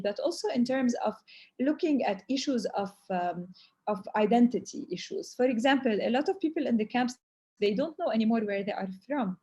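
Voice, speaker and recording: Her mid-range voice has a dark tone. She's a native Arabic speaker answering webinar questions at length as a humanitarian speaker, earnest yet hesitant in her phrasing and dropping Arabic filler words.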